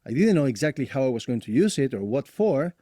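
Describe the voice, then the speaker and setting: A man in his forties from Argentina, a guest telling his career story in a lively, laughing way. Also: mid-range voice, quick pace, dry recording, clean studio sound. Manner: animated storyteller, laughs often. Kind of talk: casual interview.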